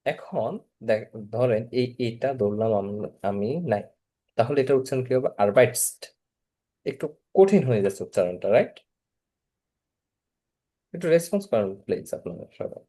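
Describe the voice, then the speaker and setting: A man's voice: mid-range voice, expressive, normal speed, dark tone. A man teaching German verb conjugation in an online class, patiently repeating each form and asking students to respond.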